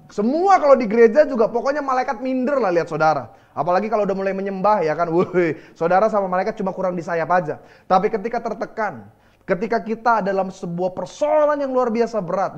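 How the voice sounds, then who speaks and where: A man's voice: high voice, highs cut off. A male pastor with an Indonesian accent preaching a sermon, telling stories and laughing as he goes. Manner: lively preaching with storytelling and laughter.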